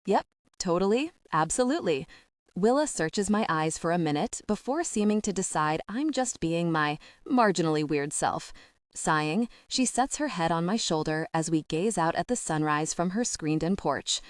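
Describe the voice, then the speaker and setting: A woman narrating a first-person romance audiobook in an expressive storytelling manner. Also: on the low side, moderate pace, dry recording, clean studio sound.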